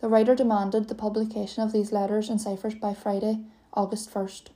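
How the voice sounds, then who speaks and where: A woman giving a scripted true-crime narration as a podcast host, reading in a steady, even way. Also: mid-range voice, brisk, very noisy.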